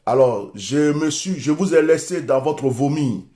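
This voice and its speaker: A man's voice: fairly high pitch, expressive, measured pace, mellow, reverberant. A man with an Ivorian French accent, a preacher giving an urgent, repetitive livestream address. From Côte d'Ivoire. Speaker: preacher hosting a live stream.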